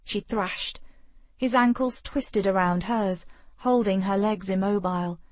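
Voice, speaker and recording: Slow, measured woman audiobook narrator. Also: mid-range voice, no echo. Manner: measured, steady storytelling. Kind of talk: scripted narration of a historical romance.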